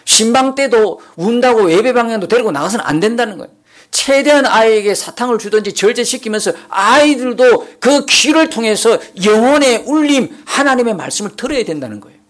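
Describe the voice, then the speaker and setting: Animated pastor with a lively, rising voice. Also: male voice, very high voice, brisk. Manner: animated preaching, rising to emphatic peaks and dropping to soft asides. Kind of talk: sermon. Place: church sanctuary.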